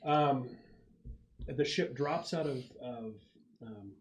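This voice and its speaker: Narrating a tabletop roleplaying game as its game master, a man speaks haltingly and conversationally in a mid-range voice, with a little background noise present.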